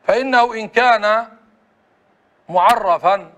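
Man, high voice, classroom lesson, asks students prompting questions. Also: slow pace, a bit bright, highs cut off. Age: adult. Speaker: teacher.

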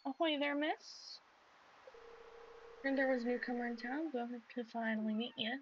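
A woman's voice: on the high side, moderate pace, highs cut off, slight background noise, lightly acted. A woman voicing a friendly old male fisherman in a put-on country drawl, reading game dialogue aloud in a folksy, hearty way. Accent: put-on American country drawl.

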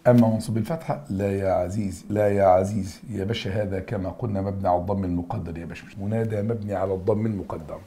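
Gravelly, low-voiced Egyptian teacher man. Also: mellow. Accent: Egyptian Arabic. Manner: drills answers with emphatic repetition, addressing students familiarly. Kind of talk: recorded exam-review lesson.

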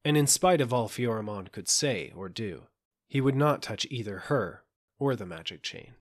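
A man narrating a fairy tale audiobook in an expressive storytelling manner. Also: lowish voice, normal speed.

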